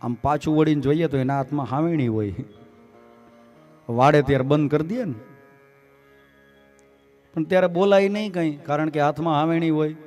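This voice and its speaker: A man tells a devotional story to a live gathering in a folksy, joking manner. His voice sits a bit high. Faint instrumental music plays in the background. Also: normal speed, pauses often. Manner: folksy, humorous, animated. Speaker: scripture storyteller.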